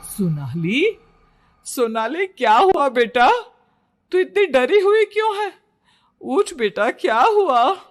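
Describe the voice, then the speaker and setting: A woman's voice: high-pitched, very animated, slow, pauses often, pitched above the performer's own voice, exaggerated voice. Woman voicing a caring cartoon mother. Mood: worried. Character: caring middle-aged mother fussing over her daughter. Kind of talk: voiced character in a narrated horror cartoon.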